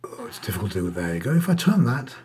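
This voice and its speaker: A man giving a casual, hesitant watch show-and-tell, his voice husky, thick and strained from a sore, swollen throat. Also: medium pitch, sing-song, fast talker, darkish tone, a little hiss or hum. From Denmark. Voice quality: husky, raspy. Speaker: watch reviewer.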